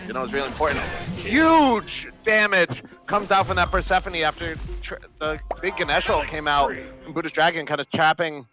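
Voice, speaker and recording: A man's voice: a little high, animated, normal speed. A man doing casual esports play-by-play commentary, rambling with fillers and restarts. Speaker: esports caster. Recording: music bed behind voice. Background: game music.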